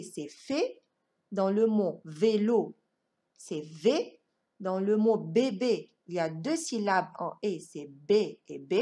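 Slow, sing-song preschool teacher woman. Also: medium pitch, a little mellow. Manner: sing-song, exaggerated enunciation, stretching out words. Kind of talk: slow, deliberate phonics lesson for young children.

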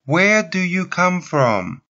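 Super slow lesson reader, each phrase spaced out, muffled noisy audio. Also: medium pitch, very animated. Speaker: lesson narrator. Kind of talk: slow scripted lesson reading. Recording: dull lo-fi audio with clear noise.

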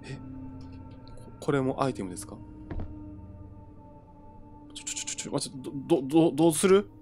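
A man's voice: medium pitch, big pitch swings, normal speed, dark tone, soft background music. A young man giving let's play commentary on a horror game, jumpy and stammering as he talks to himself. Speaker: gamer playing a horror game.

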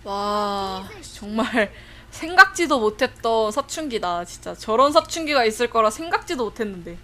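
High bright-voiced chatty woman streamer. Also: expressive, moderate pace, a little hiss or hum. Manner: chatty, talks to viewers, bursts into laughing shrieks. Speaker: game streamer. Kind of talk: casual livestream commentary.

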